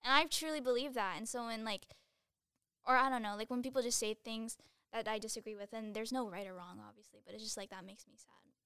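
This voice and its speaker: A woman's voice: on the high side, fairly even intonation, a little fast, sharp tone, clean tone, no echo, studio quality. A young woman in her late teens, chatting as a guest in a casual interview, giggly and full of fillers.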